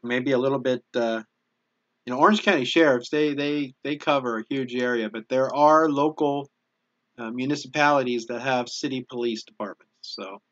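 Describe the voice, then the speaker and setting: A man's voice: mid-range voice, a bit bright, dry recording, lo-fi sound. A man chatting casually on a live stream, thanking viewers for donations and often restarting his sentences. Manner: halting, restarts often, easily moved by donations. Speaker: YouTube channel host reading viewer donations.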